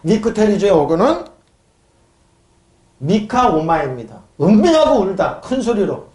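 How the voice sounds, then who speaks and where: A man's voice: sits high, sing-song, unhurried, darkish tone, echoey room. A male pastor preaching a sermon who keeps asking his congregation questions and answering them himself. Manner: mocks scoffers in a raised voice. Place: church sanctuary.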